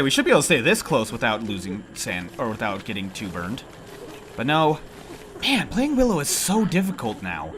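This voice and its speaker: A man's voice: mid-range voice, a bit bright, a little hiss or hum. A man with a nasal voice, congested from allergies, thinking aloud and grumbling in casual gameplay commentary. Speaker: gamer commentating on own play. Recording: music behind the voice. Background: game music.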